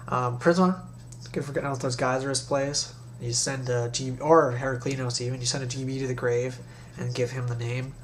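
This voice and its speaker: A man's voice: mid-range voice, level tone, a little fast. A young man with a stuffy, nasal voice from recent nose surgery, chatting casually and in slang as he hosts a deck review. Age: young adult. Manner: slangy, informal. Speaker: card game video host. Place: small bedroom, indoors. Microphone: webcam or laptop mic at desk distance. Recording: noisy webcam recording with hum.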